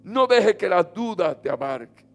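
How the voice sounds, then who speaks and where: A man preaching a sermon as pastor, leading call-and-response and swinging from loud chanted lines to soft low ones. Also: sing-song, normal speed. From Dominican Republic. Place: church sanctuary. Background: faint instrument music.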